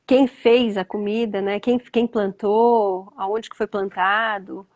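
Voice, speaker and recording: A woman with a Brazilian Portuguese accent, gently questioning children in a thoughtful, conversational way and often echoing their answers. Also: medium pitch, fairly even intonation, takes it slowly. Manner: thoughtful, repeats answers back, lots of "né?". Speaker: interviewer.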